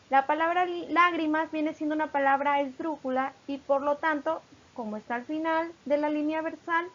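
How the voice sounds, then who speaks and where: A woman's voice: high-pitched, muffled recording. A woman teaching poetry metrics, patiently explaining and stretching out syllables as she reads examples.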